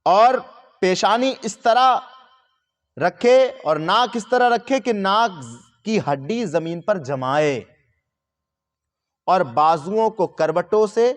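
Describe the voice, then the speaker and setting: A man with a notably high voice gives a religious lesson. He talks straight to his listeners, patiently repeating each step and sounding out letters one by one. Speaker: religious teacher. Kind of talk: religious instruction talk.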